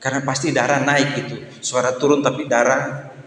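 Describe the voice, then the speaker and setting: A man in his fifties preaching a lively sermon to a congregation in a church hall. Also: medium pitch, a little fast, a little hiss or hum. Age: 50s. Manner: lively preaching, acts out voices in asides. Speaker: pastor. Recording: echoey hall with faint ambience.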